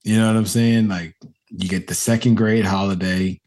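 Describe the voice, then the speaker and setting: A man's voice: lowish voice, fairly even intonation, moderate pace, a little mellow. A young man co-hosting a casual podcast, laughing often as he talks loosely and profanely. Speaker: podcast co-host. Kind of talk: casual chat.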